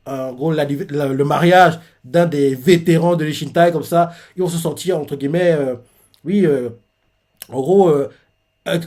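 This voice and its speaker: Man streamer, slightly higher voice, casual rambling recap full of fillers. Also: mellow. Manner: rambling, many fillers and restarts. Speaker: manga reaction streamer. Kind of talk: casual live reaction commentary.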